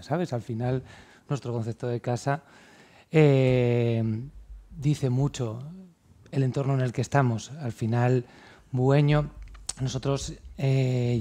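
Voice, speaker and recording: A man's voice: mid-range voice, dark tone. A restaurant owner in his forties from central Spain, speaking on a panel in a chatty, heartfelt way and often checking in with his listeners. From Castilla-La Mancha, Spain. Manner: chatty and heartfelt, keeps tagging questions onto his sentences. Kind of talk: panel talk.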